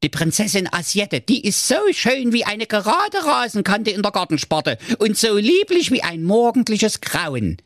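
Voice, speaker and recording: Brief: a squeaky, bossy little sausage king from a storybook. Very high, swooping voice, dry sound. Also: very animated, moderate pace, hardly any pauses, fairly bright tone, dry recording. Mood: bossy, gleeful. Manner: brash, bossy, insulting. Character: pompous little fat sausage king, shrill.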